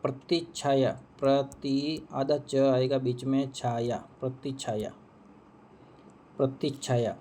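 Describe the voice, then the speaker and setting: A man's voice: mid-range voice, flat delivery, slow, mellow. Male Hindi tutor, exam answer walkthrough, repeats himself, poses quiz questions, faint hiss behind. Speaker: Hindi teacher.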